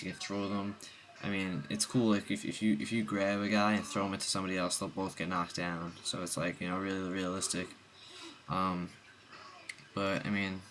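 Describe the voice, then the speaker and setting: A man's voice: deep voice, fairly bright tone, a little hiss or hum. A young man with the hiccups giving a rambling, casual game review voice-over, full of ums and restarts.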